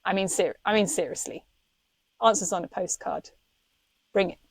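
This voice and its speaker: A woman's voice: mid-range voice, normal speed, no echo. A woman co-hosting a podcast, talking passionately and indignantly, with frequent laughs. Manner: impassioned, indignant, laughs often. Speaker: podcast co-host.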